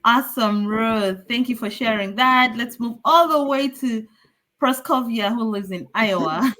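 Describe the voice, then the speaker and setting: Woman from Uganda hosting a live online show, upbeat and welcoming, fairly high voice. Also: a little slow, a bit bright. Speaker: host.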